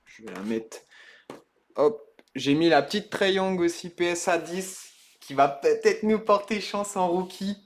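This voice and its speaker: Slow-talking card breaker. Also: male voice, high-pitched, lively intonation. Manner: slow, hushed narration that bursts into ecstatic shouting. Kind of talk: live card-opening commentary.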